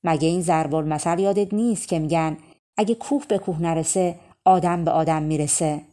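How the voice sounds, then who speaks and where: An earnest, pleading wild bird from a fairy-tale storybook begs to be spared, as a woman reads its part. The voice sits fairly low and mellow, with only a slight lift above the narration. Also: close to an everyday voice. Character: wild birds, pleading mother creatures.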